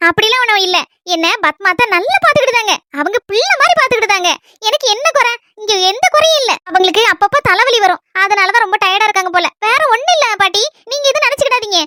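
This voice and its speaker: A woman's voice: very high voice, lively intonation, fast, bright, forceful tone, no echo, full character voice. A woman voicing a young wife in a cartoon, eager and reassuring, with a southern Tamil Nadu village dialect. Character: cheerful young wife defending her in-laws.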